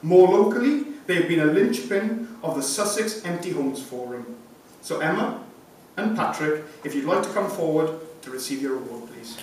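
Reading formally from notes, a thirty-something sponsor gives a scripted award presentation in a conference room. His slightly high voice has lively intonation, a moderate pace, and few pauses. Captured from a lectern mic by a distant camera, the audio is echoey with background hiss.

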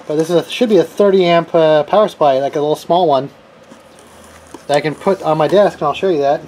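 A man's voice: fairly high pitch, quick pace, darkish tone. A man chatting informally as he hosts a hands-on demonstration, thinking aloud as he goes. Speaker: host of electronics and radio unboxing videos. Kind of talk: casual chat, hands-on demonstration. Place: indoors at a cluttered desk. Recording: noisy home camera recording. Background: clear background noise.

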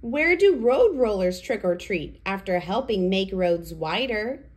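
This children's storyteller and educational presenter, a woman in her thirties, has a sing-song, medium-pitched voice and a measured pace. She teaches toddlers and reads picture books aloud, using simple, exaggerated speech aimed at young kids.

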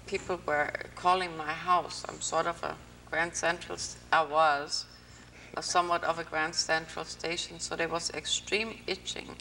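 A woman's voice: on the low side, gravelly, sharp tone, recorded from a distance, slight background noise. Chatty older woman from North Africa. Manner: chatty, rambling storyteller. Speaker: host. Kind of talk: public access interview. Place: TV studio with green-screen backdrop.

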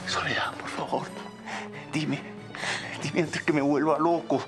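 Jilted young man, insistent, shouting, demanding answers, telenovela. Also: on the high side, fairly even intonation, a little slow, over loud music. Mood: desperate demanding. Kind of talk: telenovela acting.

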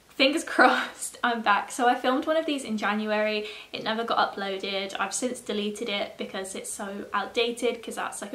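A chatty woman talks straight to her viewers, loose and profane, with a laugh never far off. Her voice sits a little high, and the room around her rings with echo. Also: fairly bright tone. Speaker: YouTuber. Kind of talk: casual vlog chat. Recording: roomy echo.

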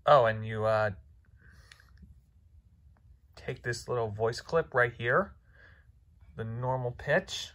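A man talking through a software tutorial step by step, in a halting, instructional way with fillers and restarts. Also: medium pitch. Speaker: video tutorial maker.

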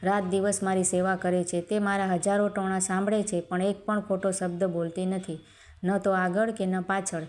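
A scolding, sharp-tongued older mother-in-law from a spoken storybook, read out by a woman in her own voice. The delivery stays level and flat, with a mellow, darker tone. She commands and rebukes rather than shouts. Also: medium pitch, normal speed, close to an everyday voice. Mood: furious.

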